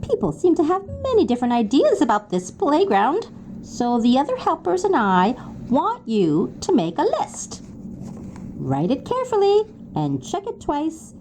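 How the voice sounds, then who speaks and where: A woman's voice: high-pitched, wildly swooping pitch, a little slow, a little mellow, a little hiss or hum, pitched above the performer's own voice, heavily acted. A woman voicing a cheerful tiny male elf builder in a storybook, friendly and jolly.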